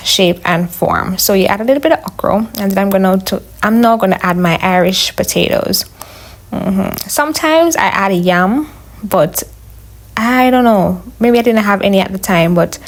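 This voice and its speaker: Casting: female home cook with Jamaican accent, medium pitch, chatty step-by-step narration for online viewers. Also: creaky. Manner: chatty, instructional, addressing viewers as guys. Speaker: home cook, video host. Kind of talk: casual cooking voice-over.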